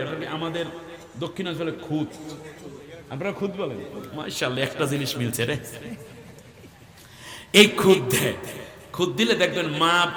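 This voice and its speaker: A man's voice: a little high, fairly bright tone. A man from Bangladesh, preaching a waz sermon, chanting verses in a sung style and firing rhetorical questions at the crowd. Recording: echoey hall with long reverb.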